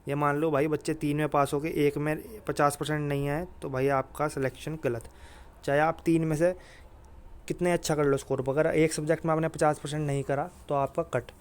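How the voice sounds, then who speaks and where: Fairly quick and level, his clean-toned voice runs a little high. He offers informal exam guidance in a coaching manner, reassuring listeners through emphatic repetition and frequent direct address.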